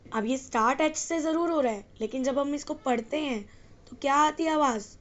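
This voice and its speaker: Woman grammar teacher, high voice, dull lo-fi recording, asks the class and answers herself. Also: fairly quick. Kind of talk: exam-prep English grammar lesson.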